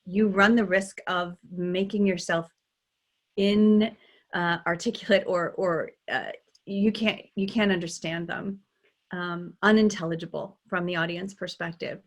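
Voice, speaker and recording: A woman, a dialect coach, talking in a relaxed interview, animated and laughing often, with many restarts. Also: on the low side, a little slow. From United States. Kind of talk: conversational interview.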